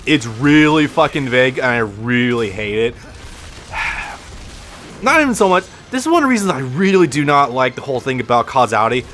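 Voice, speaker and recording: A man's voice: medium pitch, sing-song, normal speed, fairly bright tone, faint music behind. A man with a lisp giving casual, rambling gameplay commentary as a let's play host, swearing freely and restarting his sentences often. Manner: rambling, profane, frequent restarts.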